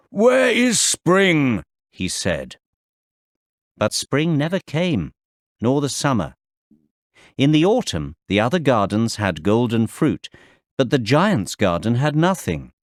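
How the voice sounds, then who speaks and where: A man's voice: medium pitch, dry recording, clean studio sound. A man reading a children's story and track announcements for a textbook course in scripted narration. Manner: slow, careful classroom reading with lively intonation.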